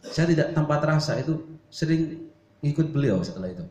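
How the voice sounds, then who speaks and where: A male Islamic preacher giving a sermon to a congregation, telling stories lively with humorous asides. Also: fairly high pitch, fairly quick. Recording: roomy hall echo.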